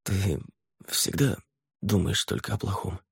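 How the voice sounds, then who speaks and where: Мужчина-чтец играет испуганного, измученного виной беглеца, который говорит напряжённо и сбивчиво. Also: male voice, lowish voice, moderate pace, darkish tone, slightly rough, no echo, studio quality, voice pushed up. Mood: pleading. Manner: hesitant, strained. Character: frightened, guilt-ridden runaway man, a father.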